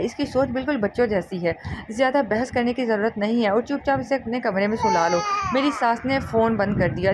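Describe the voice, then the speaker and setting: A woman narrating a dramatic first-person story with emotion. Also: fairly high pitch. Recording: steady background noise.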